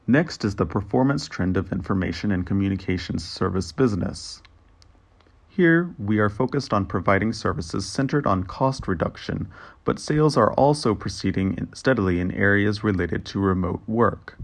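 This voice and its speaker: A man giving a translation voice-over as interpreter, with a steady, formal reading of a financial results briefing. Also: on the low side, vocal fry.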